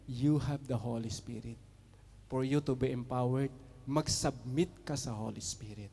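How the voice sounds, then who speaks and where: A man's voice: mid-range voice, a little slow, warm tone, slightly rough, big-room sound. A man preaching a sermon as pastor, switching between Tagalog and English with chuckling asides.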